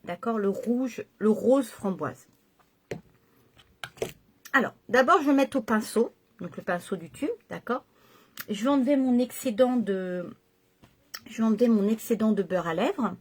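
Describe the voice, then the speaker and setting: A woman's voice: fairly high pitch, unhurried, pauses often. A middle-aged woman chatting casually through a makeup tutorial at home, hesitating and correcting herself as she goes. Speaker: makeup vlogger.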